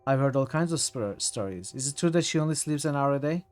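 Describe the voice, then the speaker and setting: While playing a video game, a man voices a polite, deferential young male cadet who talks formally like a butler and keeps saying sir. His natural, mid-range voice is animated, fast and a little mellow, with soft music behind it.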